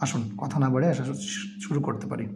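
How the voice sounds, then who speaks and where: A man teaching Quran reading step by step, spelling out each letter and vowel and then reciting slowly. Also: mid-range voice, creaky, dark tone, slight background noise.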